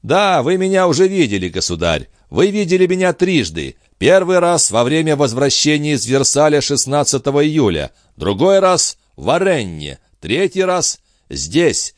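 A man's voice: fairly high pitch, sing-song, normal speed, no echo, clean studio sound, voice pushed up. A man voicing a grim, menacing revolutionary. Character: grim, menacing male revolutionary, stern and prophetic. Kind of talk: audiobook character voicing.

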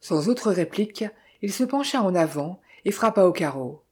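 A woman reads a classic novel aloud as scripted narration, measured and literary. Her voice is mellow and darkish, with a soft huskiness to it. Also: mid-range voice, lively intonation, breathy edge. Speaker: audiobook reader.

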